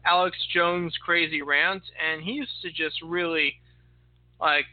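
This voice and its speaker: A man's voice: fairly high pitch, fairly even intonation, measured pace. A man in casual political chat, explaining steadily with a wry edge. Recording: dry, tinny phone-like line.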